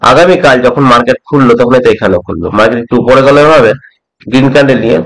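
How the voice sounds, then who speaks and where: A middle-aged man from West Bengal teaching a trading method, talking slowly and repeating points, often checking that the listener follows. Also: medium pitch, fairly bright tone, poor audio. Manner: slow, repeats points, asks "ঠিক আছে?" often. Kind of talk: slow explanatory tutorial.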